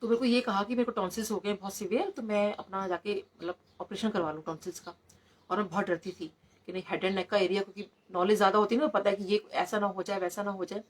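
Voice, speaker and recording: A woman's voice: mid-range voice, fairly even intonation, quick pace. A middle-aged woman, a doctor, sharing devotional stories at a satsang, slipping English words into her narration. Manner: storytelling, code-switching into English.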